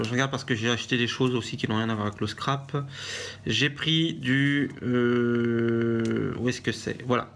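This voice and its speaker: A man from France with a French accent, chatting casually in a craft haul vlog and pausing often with fillers and restarts. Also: medium pitch, fairly bright tone, slight background noise. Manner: hesitant, many fillers and restarts. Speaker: vlogger.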